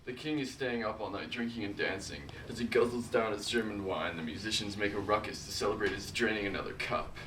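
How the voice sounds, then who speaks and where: A man's voice: lowish voice, steady tone, fairly quick, few pauses, a bit bright, natural voice. A man playing an earnest, brooding young prince in an amateur parody drama. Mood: disapproving. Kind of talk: parody drama acting, modern-English Shakespeare. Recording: roomy, distant, faint noise.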